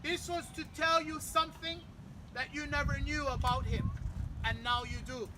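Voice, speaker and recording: A woman leading a family memorial on a beach speaks in a high voice with fairly even intonation and a moderate pace. She engages the gathering with playful quiz games, then moves into prayer, while traffic is clearly audible in the outdoor background.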